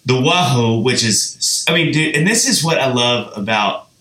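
A man hosting a podcast, talking about songwriting in an animated, chatty way with frequent restarts and easy laughter. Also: mid-range voice, moderate pace, echoey room. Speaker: podcast host. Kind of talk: casual music chat.

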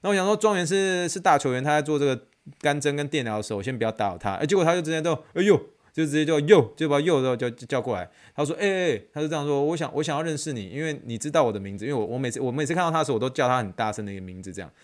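A young man, a physical therapy intern hosting his podcast and telling a story in a lively, excitable way with many fillers. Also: on the high side, racing. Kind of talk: casual solo storytelling.

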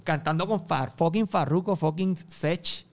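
A man with a Puerto Rican Spanish accent tells stories in an interview, swinging from loud to hushed and acting out what the people in them said. His voice is gravelly, with a pitch a little high for a man. He talks in a lively, animated way. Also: a little slow. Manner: acts out quoted voices, swings loud and soft. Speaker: music promoter and guest.

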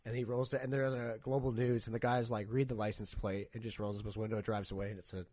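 A man's voice: medium pitch, fast. A man in casual chat, telling car stories with lots of swearing and acted-out quotes. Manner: swears a lot, animated storytelling with quoted voices.

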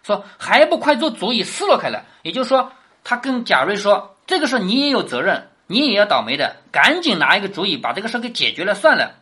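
A woman lecturing on a classic novel at a quick clip, her pitch leaping up and down. She keeps tossing rhetorical questions at her listeners. She speaks with the patient drive of a teacher. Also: sing-song, pushed and bright. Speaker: literature teacher.

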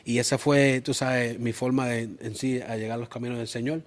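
A man's voice: medium pitch, level tone, normal speed. Earnest bilingual man. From Springfield, Massachusetts, USA. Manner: earnest, mixes in English words. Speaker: guest, music producer. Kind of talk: casual interview.

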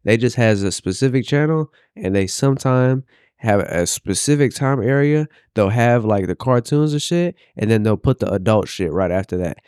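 A man's voice: mid-range voice, animated, moderate pace, a little mellow, clean tone, dry recording, studio quality. A man chatting casually and telling stories in loose, profane slang, often repeating phrases as he builds them up. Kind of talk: casual banter and storytelling.

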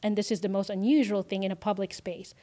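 A woman, a podcast guest, telling an emotional personal story, swinging from hushed moments to loud exclamations. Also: mid-range voice, steady tone, fast talker.

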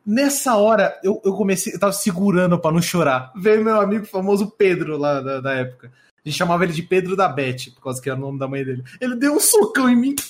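A young man with a Brazilian accent and a notably high voice spins a rambling, slang-filled story in relaxed podcast chat. He laughs often and backtracks as he goes. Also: fast talker. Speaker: podcast co-host. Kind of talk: casual chat.

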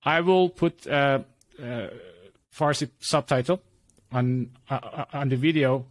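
Halting middle-aged male podcast host. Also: medium pitch, no echo. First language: Persian. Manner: hesitant, many fillers and restarts. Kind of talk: casual interview hosting.

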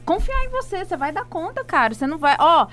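A woman's voice: very high voice, big pitch swings, fast, fairly bright tone. A woman, a guest telling personal stories animatedly in a casual chat, repeating words for emphasis. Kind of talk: lively storytelling in casual chat.

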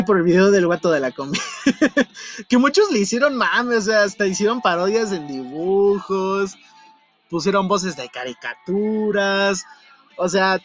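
A young man with a Mexico City accent casually telling a personal story, full of slang and frequent laughter. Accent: Mexico City Spanish. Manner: animated, slangy, laughs often, jumps to falsetto in retellings. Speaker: vlogger. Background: faint music.

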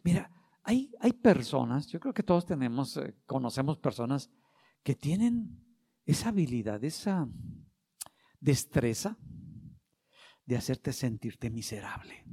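Emphatic preacher man, mellow voice. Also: mid-range voice, animated, unhurried, pauses often, breathy edge. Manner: emphatic, rising in volume on key phrases, acts out short dialogues. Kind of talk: sermon.

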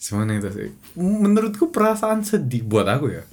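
A man's voice: medium pitch, sing-song, moderate pace. A young man in casual chat, agreeable and talking with many fillers.

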